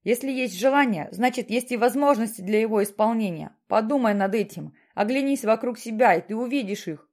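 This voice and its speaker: A woman's voice: a little high, expressive, brisk, hardly any pauses, a little mellow. A woman voicing a stern, mysterious voice from the sky that questions and lectures insistently.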